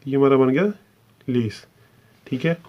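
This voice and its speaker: A man's voice: mid-range voice, unhurried, dull audio. A man teaching a shorthand lesson, explaining step by step and mixing English terms into his Hindi. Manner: explains step by step, repeats "ठीक है" often. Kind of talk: online lesson.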